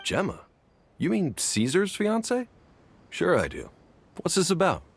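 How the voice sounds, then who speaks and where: A man's voice: high-pitched, huge pitch swings, a little slow, gravelly, a little hiss or hum, heavily acted. An actor playing a sympathetic, world-weary townsman in a video game. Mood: puzzled, helpful.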